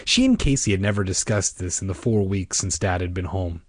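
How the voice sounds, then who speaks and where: A man's voice: deep voice, brisk, dry recording. A man reading a children's book aloud in a playful way, tossing in wisecracks between passages. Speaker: reader.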